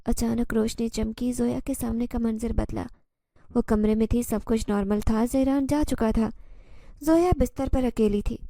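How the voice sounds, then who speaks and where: Gravelly woman narrating a horror story. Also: fairly high pitch, steady tone, dark tone, no room sound, studio quality.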